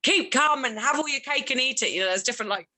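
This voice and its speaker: A woman in casual conversation, her voice bright and forward and pitched a touch high. She rambles happily, filling gaps with fillers as she goes. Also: expressive, fast talker, poor audio. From Britain. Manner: chatty, laughing, many fillers like "like" and "you know". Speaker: co-host. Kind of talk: casual chat.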